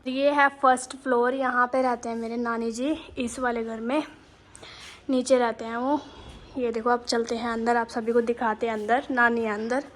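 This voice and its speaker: A high-pitched young woman vlogs casually on her phone as she walks through a house and the streets outside. She talks straight to her viewers in a chatty, friendly way. A faint hum of ambience sits behind her voice. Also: level tone, normal speed. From Uttarakhand, India. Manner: chatty, addresses viewers directly, calls them bhai. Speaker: vlogger. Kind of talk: casual walking vlog. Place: house and streets in a hill town, indoors and outdoors.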